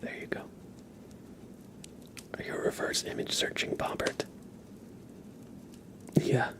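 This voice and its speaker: Speaking slowly in a soft, breathy whisper, a man hosts an ASMR livestream and chats casually with his viewers.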